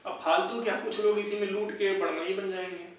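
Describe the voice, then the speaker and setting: Through a distant mic in an echoey room, a high-pitched male YouTube host gives exam updates. He speaks fairly quickly with fairly even intonation, and his commentary is informal, blunt, and argumentative, full of rhetorical questions.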